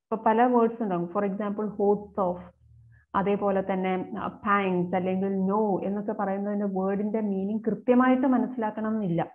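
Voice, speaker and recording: A woman exam coach, reading each question slowly and then explaining it quickly. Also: medium pitch, fairly even intonation. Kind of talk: explaining exam questions, mixing Malayalam and English. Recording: phone-like narrow sound.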